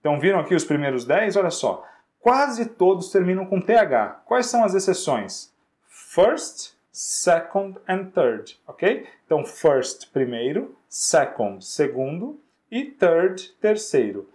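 A man's voice: high-pitched, big pitch swings, a little mellow. Patient man teaching English words. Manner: patient, repeats words slowly and checks with "ok?". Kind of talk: classroom-style lesson.

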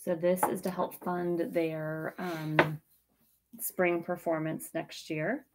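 Heavy background noise surrounds this woman's slow, low voice, which has little pitch movement. In her thirties, she casually co-hosts an online auction over a webcam from a small indoor room with tiki decor, chatting and giggling as she checks messages.

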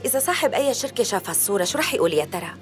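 Scheming, smug Syrian Levantine Arabic businesswoman acted by a woman, animated. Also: medium pitch, racing, natural voice. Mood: mocking, threatening. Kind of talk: dubbed television drama dialogue. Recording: music behind the voice.

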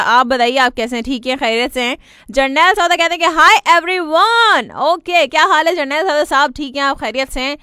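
Bright-voiced woman radio host. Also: high-pitched, dry recording, studio quality. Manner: warm greetings and frequent giggles, mixing in English phrases. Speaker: radio host reading listener messages. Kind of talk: casual live radio chat.

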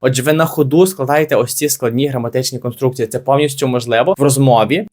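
A man's voice: medium pitch, fast talker, darkish tone. A young man teaching English grammar in a video lesson, explaining patiently and repeating key points to reassure beginners.

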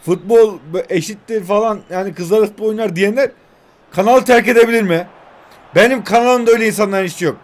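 A man in his twenties giving excitable live commentary on a mobile football game, full of slangy banter and sudden shouts. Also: high voice, fairly quick, soft background music. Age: 20s.

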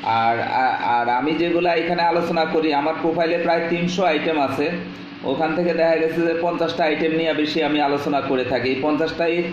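A man's voice: on the high side, steady tone, brisk. A middle-aged man from Bangladesh, a business consultant politely and patiently advising a caller, recorded on a phone held at arm's length in a small room. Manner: polite, patient, repeats affirmations and details. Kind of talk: live phone consultation chat. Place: small bare indoor room. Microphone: phone camera at arm's length. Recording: very echoey, dull lo-fi room recording with noise.

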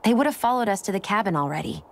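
A woman voicing a blunt, sharp-tongued young woman in a video game. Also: mid-range voice, expressive, rapid-fire, close to an everyday voice. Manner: blunt, dry.

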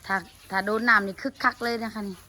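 A woman's voice: mid-range voice, steady tone, fast, pushed and bright. A woman with an Isan Thai accent chatting cheerfully outdoors, coaxing and teasing as she films. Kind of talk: casual vlog chat. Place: outdoors in the countryside.

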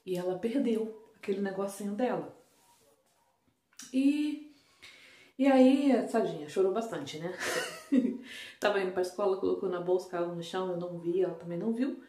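A Brazilian woman talking softly and quietly to viewers in a casual home vlog, filmed on a phone indoors. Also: mid-range voice, expressive, moderate pace, pauses often. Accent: Brazilian Portuguese. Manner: speaking softly and hushed, chatty asides to viewers. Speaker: home vlogger. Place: indoors at home, bedroom and bathroom.

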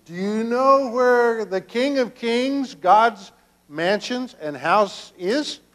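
An older man, a pastor, gently questioning children during a children's sermon in a church sanctuary. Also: extremely high pitch, lively intonation, takes it slowly. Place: church sanctuary, children seated around him.

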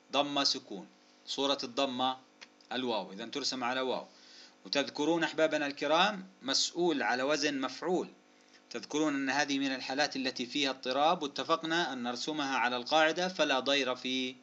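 A male teacher giving a recorded spelling lesson, drawing out each example word slowly, then explaining the rule briskly and asking and answering his own questions. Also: medium pitch, pushed and bright. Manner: addresses listeners as dear loved ones, asks and answers his own questions. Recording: dull lo-fi recording.

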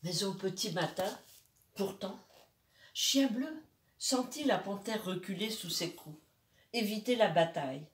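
A woman storyteller reading a bedtime story aloud to children, slow and expressive, with asides to her young listeners. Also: mid-range voice. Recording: roomy, distant from the mic.

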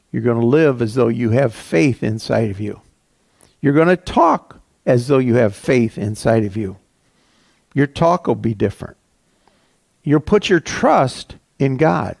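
Gravelly-voiced pastor, folksy and halting. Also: male voice, on the high side, a little mellow, dry recording. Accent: Ohio. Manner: folksy, hesitant with many fillers and restarts. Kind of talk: sermon with prayer. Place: church sanctuary.

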